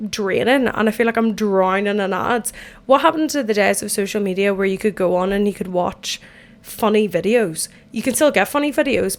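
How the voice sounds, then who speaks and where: Croaky after a night out, an Irish podcast host in her twenties chats, rambles, and mocks herself through a casual solo episode recorded in an empty bathtub at home. Her voice is medium in pitch.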